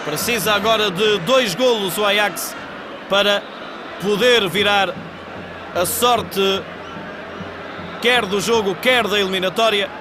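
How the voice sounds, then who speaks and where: A man with a European Portuguese accent giving live football match commentary in measured, descriptive phrases. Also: high-pitched, music in the background. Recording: 1980s TV broadcast, loud stadium crowd noise. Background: football stadium crowd.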